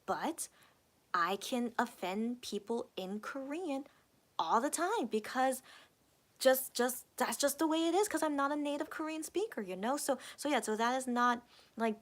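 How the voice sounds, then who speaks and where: Hosting a relaxed live stream, this young woman, a native English speaker, reads chat comments aloud and replies in a rambling way, repeating words and using lots of fillers. Her voice is high and expressive, and her pace is measured.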